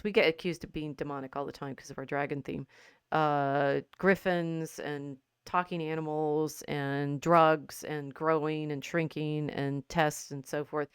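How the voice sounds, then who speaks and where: Podcast co-host, female, low smooth voice, reflective and halting, dry studio sound. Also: dry recording. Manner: thoughtful, halting, many restarts. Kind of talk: casual livestream discussion, reading quotes aloud.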